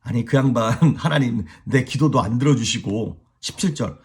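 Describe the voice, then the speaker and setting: A man giving a casual devotional sermon as a pastor, animated, chuckling and speaking straight to his viewers. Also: medium pitch, moderate pace, breathy edge.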